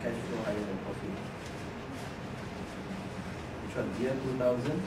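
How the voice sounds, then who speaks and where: A man's voice: mid-range voice, measured pace. Malaysian man presenting, very noisy echoey recording. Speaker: presenter at a mock company meeting. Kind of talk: informal financial presentation. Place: indoor room, far from the mic. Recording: noisy, echoey room, distant microphone.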